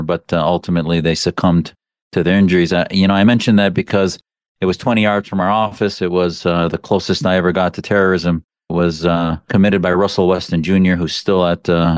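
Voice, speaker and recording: A man from the American Midwest, a physician guest on a radio interview, speaking in a measured way with frequent pauses. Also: deep voice, no room sound. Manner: measured, many uh fillers.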